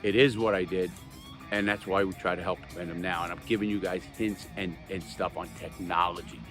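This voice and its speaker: Music plays behind an older crime-stories channel host as he speaks off the cuff to viewers in a low, steady voice at a fairly quick pace. His delivery is plain-spoken, emphatic and earnest, with points repeated for stress.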